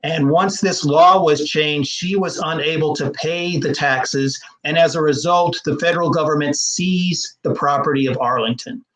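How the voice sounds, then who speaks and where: A historian and genealogist explains history over slides during an interview, measured and explanatory, with frequent filler words. His voice is fairly high and a bit bright, and the audio quality is poor.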